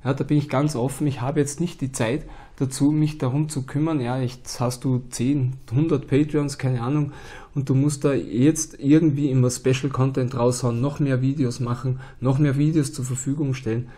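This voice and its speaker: Sitting in a small home room, an Austrian man in his thirties who hosts a board game channel talks casually to camera despite having a cold. His mid-range voice moves at a normal speed, easygoing and chatty with frequent "ja" and "ähm" fillers.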